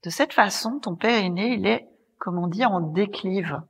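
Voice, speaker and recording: A woman yoga teacher leading a class, calmly guiding breath and movement in a soft, breathy voice. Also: medium pitch, unhurried, long reverb tail. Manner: calm, gently guiding, cueing breath and movement. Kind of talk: guided yoga class instruction. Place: yoga studio.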